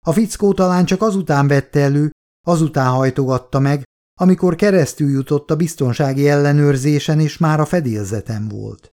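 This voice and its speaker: A man narrating an audiobook in a steady, measured reading style, voicing characters' quotes quietly. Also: fairly high pitch.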